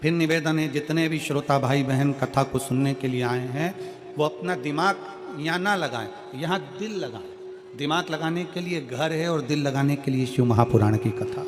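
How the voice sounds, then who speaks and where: A man's voice: a little high, moderate pace. A man from central India preaching a devotional sermon to a live crowd, repeating each point and asking the listeners questions. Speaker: religious storyteller. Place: large live religious gathering. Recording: long reverb from a large venue PA with music behind.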